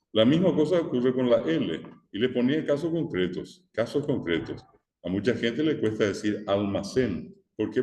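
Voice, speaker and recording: A man's voice: sits low, darkish tone. A male teacher gives a recorded class, explaining step by step and checking in with "¿verdad?". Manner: explanatory, repeats key words, frequent "eh" and "¿verdad?". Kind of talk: recorded online lecture. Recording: echoey room with long reverb.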